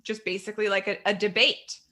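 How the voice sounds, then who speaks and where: A woman in her thirties speaks candidly in an interview, her voice bright and forceful. She tells her story quickly and with animation, often restarting her sentences. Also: mid-range voice, little pitch movement. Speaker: guest author. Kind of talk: conversational interview.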